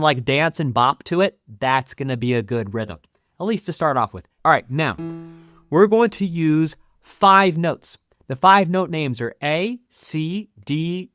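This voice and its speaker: Speaking in a medium pitch, this man hosts a channel and teaches casually, narrating every click of a step-by-step music software tutorial.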